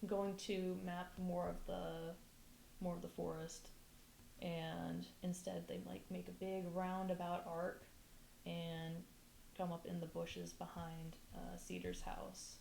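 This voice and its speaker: A woman narrating as game master of a tabletop game, relaxed, with frequent ums. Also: lowish voice, vocal fry, echoey room, slight background noise, low-quality recording.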